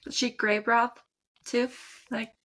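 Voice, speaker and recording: A woman co-hosting a podcast in casual chat, with quick, dry interjections. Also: fairly high pitch, flat delivery, bright, forceful tone. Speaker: podcast co-host.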